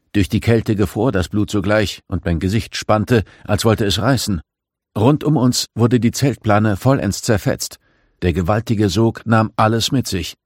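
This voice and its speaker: A man reading a first-person story aloud as an audiobook narrator, dramatic and gripping, on a close studio microphone. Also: no room sound. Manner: dramatic reading, raising pitch for shouted lines.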